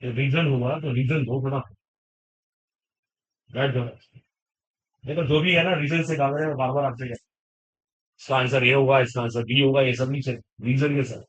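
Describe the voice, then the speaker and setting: A man's voice: mid-range voice, fairly even intonation, moderate pace, pauses often, low-quality recording. A man teaching chemistry to a class, questioning students and repeating key points. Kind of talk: classroom lecture.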